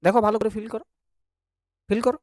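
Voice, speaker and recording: A man's voice: sits high, flat delivery, fast talker, darkish tone, dry recording, clean studio sound. A man teaching an online grammar class, chatty and joking as he drills vowel sounds with his students.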